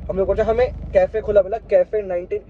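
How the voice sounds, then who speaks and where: A man's voice: sits high, fairly even intonation, quick pace. A young man talking casually to camera in a travel vlog, chatty and explaining costs step by step, mixing in English words. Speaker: travel vlogger. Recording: slightly dull lo-fi audio with faint background noise.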